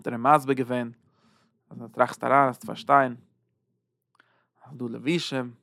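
A man teaching a Zohar lesson, halting and repeating words, swinging between loud and soft. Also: medium pitch, fairly even intonation, vocal fry, no echo, studio quality. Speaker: Torah teacher.

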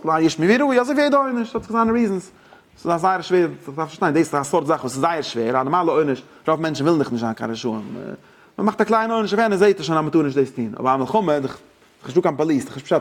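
Fairly high-voiced man giving a religious lecture. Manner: halting, searching for words, mixing in English terms. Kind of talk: informal Torah lecture.

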